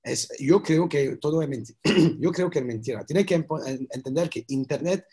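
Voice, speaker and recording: Guy w foreign accent in spanish, not native, halting n earnest, repeats words, casual interview chat. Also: on the high side, mellow, husky. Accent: foreign, non-native Spanish. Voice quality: halting, non-native speech with grammar slips. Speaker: interview guest, filmmaker.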